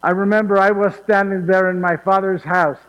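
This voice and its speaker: A high, fairly bright male voice with little pitch movement moves at a moderate pace, and the recording's highs are cut off, with hall reverb. He portrays warm old Joseph of Nazareth, a fond and chatty storyteller, in a one-man stage monologue. His manner is folksy and laughing, and he often asks "yes?"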